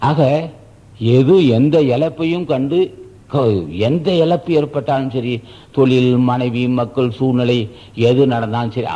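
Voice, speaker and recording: Male spiritual teacher, sermon; emphatic and repetitive, husky voice, muffled archival tape. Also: medium pitch, warm tone. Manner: repetitive, emphatic preaching with rhetorical questions. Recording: dull archival tape recording.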